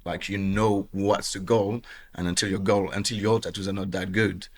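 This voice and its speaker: A French tattoo artist in his thirties rambles through a casual podcast interview, full of fillers and often saying "you know what I mean." He speaks with a French accent in a low, flat voice at a moderate pace.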